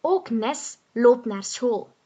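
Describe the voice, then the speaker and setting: A woman reading a children's story aloud, slowly, clearly and carefully. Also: a little high, expressive, warm tone.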